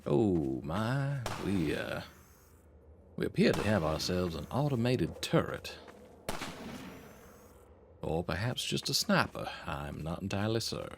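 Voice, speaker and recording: A man's voice: deep voice, big pitch swings, takes it slowly, gravelly, pauses often, background noise. A man streaming a shooter game, talking to his chat in a put-on, genteel, old-fashioned southern drawl with a courtly, wry manner. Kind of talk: live gameplay commentary. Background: game music.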